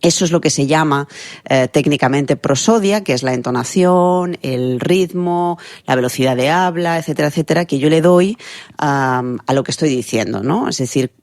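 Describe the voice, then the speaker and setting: A woman voice expert from Spain, explaining her method in a lively, teacherly way during a remote interview. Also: sits low, moderate pace, no room sound. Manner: didactic, lively, builds explanations with analogies. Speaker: guest voice expert.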